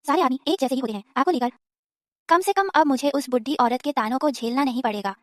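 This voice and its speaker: A jealous young wife, as a woman plays her, in a dubbed drama, bitter and scheming. The voice is high and recorded dry and close. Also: quick pace, dry recording, close to an everyday voice. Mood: complaining. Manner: resentful and scheming. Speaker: officer's wife, the sister.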